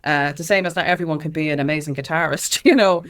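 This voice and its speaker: An Irish woman with a low voice and quick pace appears as an interview guest, answering candidly, informally and emphatically from her perspective as an activist. She is an activist and music consultant.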